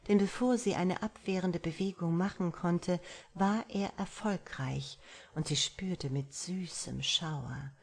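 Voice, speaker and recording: A woman narrating a romance novel as an audiobook, her voice low and slightly husky. She reads softly and intimately, at times dropping almost to a whisper.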